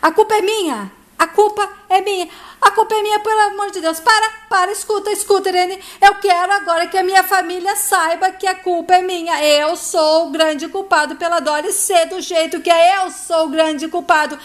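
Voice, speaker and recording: A woman's voice: very high voice, fairly even intonation, moderate pace, few pauses. A woman voicing a stern middle-aged father, firm and scolding, breaking into repetitive outbursts. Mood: exasperated.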